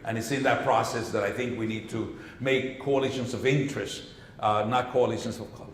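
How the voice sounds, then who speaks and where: An older man, a guest speaker and educator, lectures from a podium at a public seminar in a lecture hall, emphatically repeating words to drive his points home. Through the podium microphone his mid-range voice stays steady and a little fast, with a slight hiss or hum.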